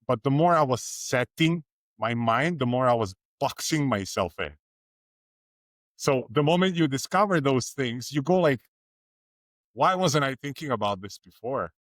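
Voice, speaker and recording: A middle-aged man from Serbia shares his experience as a panelist, earnest and reflective, often repeating a phrase for emphasis. His voice sits at an ordinary pitch and sounds close and dry, with no room around it. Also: fairly bright tone, dry recording. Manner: earnest, storytelling, emphatic repetition.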